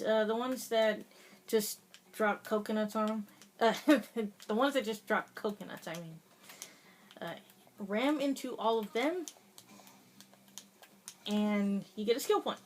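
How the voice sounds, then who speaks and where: A woman's voice: a little high, a little slow, long pauses, slight background noise. A woman giving casual, chatty commentary over her gameplay, laughing often and hesitating with many fillers. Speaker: gaming video host.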